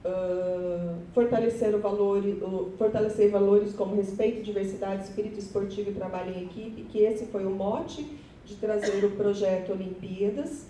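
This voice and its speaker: A woman's voice: fairly even intonation, moderate pace, warm tone. A woman teacher with a Brazilian Portuguese accent presents her class project to fellow teachers, chatty and nervous, often turning to the audience. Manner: nervous, chatty, self-deprecating, addresses audience. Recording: echoey hall, voice from far off, faint rumble.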